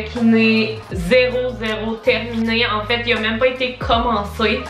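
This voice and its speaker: A woman's voice: on the high side, a bit bright. A young woman with a Québécois French accent chatting casually and expressively to viewers in a vlog, swearing freely. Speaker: YouTube vlogger. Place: home office room, indoors. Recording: roomy echo, distant mic, background music.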